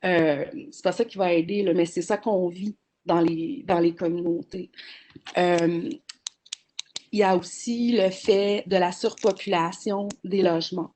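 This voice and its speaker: A woman's voice: lowish voice, fairly even intonation, a little slow, darkish tone, a little hiss or hum. A woman, speaking as a panelist in a webinar over a video call, earnest and explanatory with frequent hesitations. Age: 40s.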